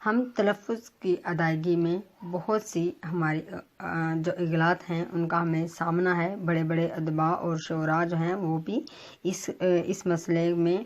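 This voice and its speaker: Woman teaching pronunciation, slow and formal. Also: lowish voice, level tone. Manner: spells out vowel marks slowly, word by word; careful, formal delivery with frequent hesitations. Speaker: Urdu teacher. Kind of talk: pronunciation lesson to students.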